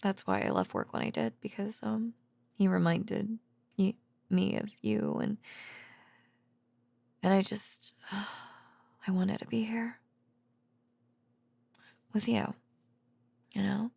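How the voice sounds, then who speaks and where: A woman voices a loving, sleepy, shy girlfriend, a researcher just home from work, in a close-miked, dry bedtime roleplay. Her medium-pitched, expressive voice is a soft, breathy murmur that slips into whispers and creak. She speaks slowly with long pauses, fully in character, sounding earnest, hesitant, rambling, giggly and tender.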